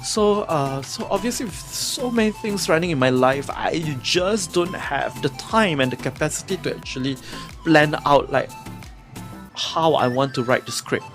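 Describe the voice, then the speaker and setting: A man co-hosting a podcast, talking casually and reflectively about his writing, often pausing with fillers as he searches for words. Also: fairly high pitch, lively intonation, a bit bright, faint music behind. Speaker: podcast co-host, playwright.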